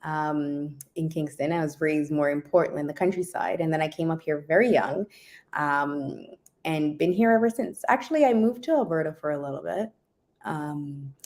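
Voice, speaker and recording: Low-voiced Jamaican-born woman, laid-back. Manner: relaxed, laughs often, trails off with ums. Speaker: guest DJ. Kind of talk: casual interview chat.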